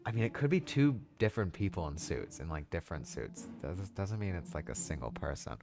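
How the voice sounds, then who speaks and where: A man's voice: deep voice, big pitch swings, a little fast. A man streaming a story game, thinking aloud in rambling, casual commentary with the odd swear word. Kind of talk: casual let's-play commentary. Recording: game music in the background.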